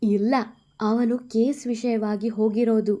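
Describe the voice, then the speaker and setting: A woman voicing an anxious young woman who asks quick, worried questions. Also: a little high, little pitch movement, dark tone. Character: young woman, elder sister figure, anxious.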